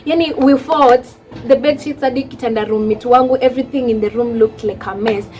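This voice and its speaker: A woman's voice: on the high side, fairly quick, a little mellow, soft background music. A young woman with a Kenyan accent telling a personal story on her vlog, emotional and switching into Swahili. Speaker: vlogger.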